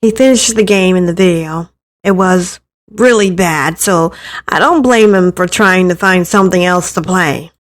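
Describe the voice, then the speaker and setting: A woman with a lowish voice reads a visual novel aloud at a normal speed, telling the first-person story with expression. She acts out the narrator's thoughts as she goes, though she stumbles here and there in her reading.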